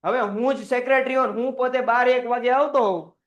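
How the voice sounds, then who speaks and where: High-voiced man teaching a class. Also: fairly even intonation, a little fast. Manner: asks constant rhetorical questions, acts out little quoted scenes; mixes English words into his talk. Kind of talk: recorded classroom lecture. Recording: dull lo-fi audio.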